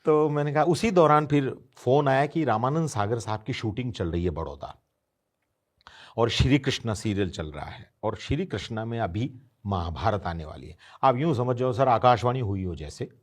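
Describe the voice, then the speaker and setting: An animated interview guest in his fifties, speaking at a moderate pace in a mid-range voice, recounts an anecdote and performs the voices of the people in it.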